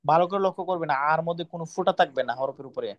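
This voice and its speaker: A man's voice: fairly high pitch, very fast, dry recording, muffled recording. A man teaching Quran reading, drilling letter sounds over and over and sternly scolding pupils. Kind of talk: online class lesson, drilling letter sounds.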